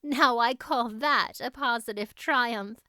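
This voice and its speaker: A woman's voice: on the high side, slow, sharp tone, no echo, studio quality. A woman voicing an eager, tender young woman in an audiobook, with an effusive and earnest manner.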